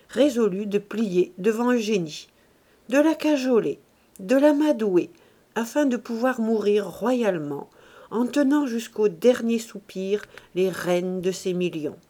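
A woman narrating a classic novel in a measured, expressive audiobook reading. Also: medium pitch.

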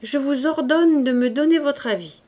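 A woman's voice: sits high, normal speed, warm tone, pitched above the performer's own voice, lightly acted. A woman doing a touchy young prince. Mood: commanding.

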